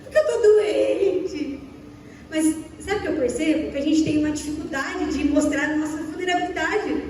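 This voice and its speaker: A woman's voice: high voice, fairly even intonation, brisk, a little hiss or hum. A young Brazilian woman preaching a sermon to a church, asking the listeners repeated questions and acting out little dialogues. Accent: Brazilian Portuguese. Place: church hall. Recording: echoey church hall, from far off.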